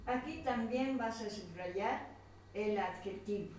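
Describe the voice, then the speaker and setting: A woman's voice: mid-range voice, takes it slowly, darkish tone, far from the mic. A woman teacher with a Colombian accent, patiently walking a pupil through a grammar worksheet and pointing at each item. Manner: patient, repeats and points at items on a page. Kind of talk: slow worksheet instruction to a pupil. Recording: very echoey room, voice off-mic, faint noise.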